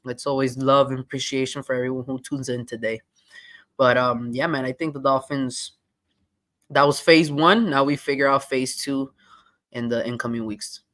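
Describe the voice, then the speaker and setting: A man hosting a casual sports podcast, talking in a relaxed way and signing off to viewers. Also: medium pitch, moderate pace. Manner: relaxed, eating while talking. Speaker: podcast host.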